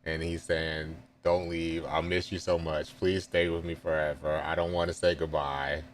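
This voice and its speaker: Low-voiced man casually reacting to manga. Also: little pitch movement, normal speed, slight background noise. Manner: reads panels aloud with casual asides and chuckles. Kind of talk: live manga reading reaction.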